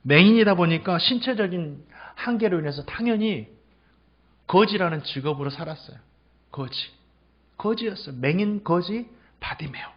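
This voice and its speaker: A male pastor giving a Sunday sermon as a story, swinging from hushed lines to loud exclamations and stretching words slowly for emphasis. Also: sits high, animated. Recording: dull lo-fi recording.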